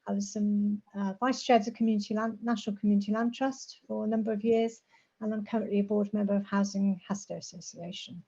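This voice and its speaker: A mature woman presents informally in a fairly high but mellow voice. She pronounces r as w and talks in a measured, conversational way. The sound is slightly dull and lo-fi. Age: middle-aged or older. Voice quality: says w for r, soft r sounds. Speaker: guest speaker, rural housing specialist. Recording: dull, lo-fi call audio.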